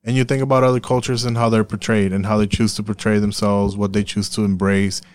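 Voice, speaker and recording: Speaking quickly in a lowish, level voice, a man from Puerto Rico joins a relaxed conversation full of profanity. He's emphatic and tends to repeat himself, returning again and again to the same points.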